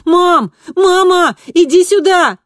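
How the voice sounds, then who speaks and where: A woman voicing a frightened teenage girl who cries out in panic, shrill and desperate. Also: expressive, drawn-out words, a bit bright, no echo, clean studio sound, exaggerated voice. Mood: panicked.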